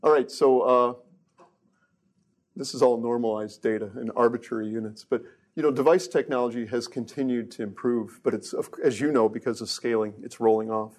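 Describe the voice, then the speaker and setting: A man's voice: mid-range voice, fairly even intonation, brisk, a little mellow. A middle-aged man, a research engineer, giving a casual technical lecture with joking asides and frequent restarts.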